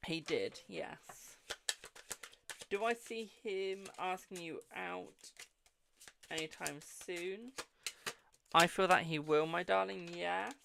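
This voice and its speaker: This is a live-stream card reading with casual chat, hosted by a posh-accented English tarot reader who swears freely and calls viewers "my darling". The voice is medium-pitched, slow and gravelly, with long pauses, and there is noise in the background.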